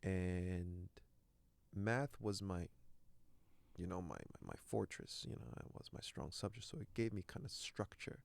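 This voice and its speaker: In a reflective interview, a guest actor from Canada, whose first language is French, speaks earnestly and frequently repeats words while hunting for them. His voice is low-pitched and very animated yet unhurried, with vocal fry.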